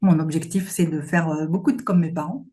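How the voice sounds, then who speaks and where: A woman's voice: sits low, steady tone, fairly quick, warm tone. A woman founder answering interview questions earnestly, with many hesitations. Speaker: company founder, guest.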